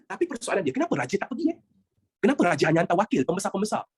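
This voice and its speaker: A history teacher with a Malaysian accent gives an animated lesson, firing rhetorical questions at students and mixing in English phrases. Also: mid-range voice, racing, a little hiss or hum.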